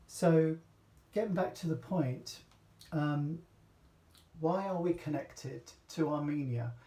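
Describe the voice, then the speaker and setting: A man's voice: on the high side, mellow. A man from Britain giving a casual, rambling talk, full of hesitations and restarts. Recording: echoey room, voice from a distance.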